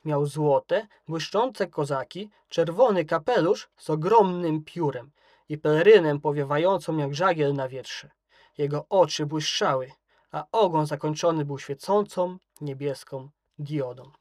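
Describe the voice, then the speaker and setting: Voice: mid-range voice, a little slow, darkish tone, no echo, clean studio sound. A narrator reading a children's story aloud.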